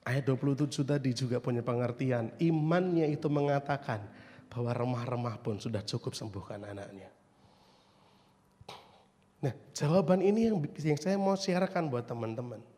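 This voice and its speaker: A man, preaching a youth sermon in a lively way, often asking the congregation questions and acting out quoted voices. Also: mid-range voice, normal speed. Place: church hall. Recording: long hall reverb.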